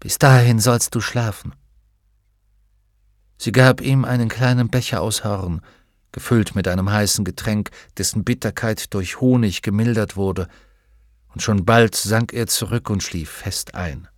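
A man narrating a fantasy audiobook in a measured, expressive reading. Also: on the low side, no room sound, studio quality. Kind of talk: scripted narration.

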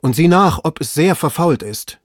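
A man reading aloud, voicing an excitable gentleman shouting urgent orders up a tree. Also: on the high side, normal speed, dry recording, clean studio sound, pitched above the performer's own voice. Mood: agitated. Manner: loud, urgent commands. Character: excitable gentleman treasure hunter, man, agitated. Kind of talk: audiobook reading.

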